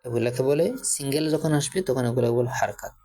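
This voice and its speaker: A man's voice: mid-range voice, steady tone, fast, a little mellow. A man teaching Quran reading, drilling Arabic letter sounds one by one and patiently explaining how each is pronounced. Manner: patient, explains pronunciation plainly. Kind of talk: step-by-step lesson.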